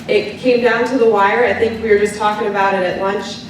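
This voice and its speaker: A woman's voice: mid-range voice, fairly even intonation, fairly quick, background noise. Woman presenter, upbeat, chatty, far mic, very echoey. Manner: upbeat, conversational with fillers. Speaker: amusement park representative. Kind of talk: presentation to enthusiasts. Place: large indoor presentation hall.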